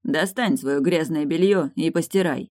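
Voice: medium pitch, moderate pace, no room sound, clean studio sound, natural voice. A reader voicing a resentful, angry young man. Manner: resentful, shouting. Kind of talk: audiobook character voice.

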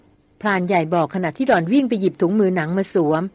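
A woman reading a novel aloud as an audiobook narrator, in a steady storytelling manner. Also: medium pitch, fast, no echo, lo-fi sound.

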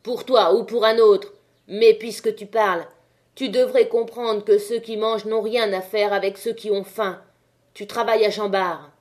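A woman voicing a male miner who leads a strike, addressing a crowd with rousing, forceful speech in an audiobook reading. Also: medium pitch, steady tone, normal speed, close to an everyday voice. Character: male miner, strike leader, fiery orator.

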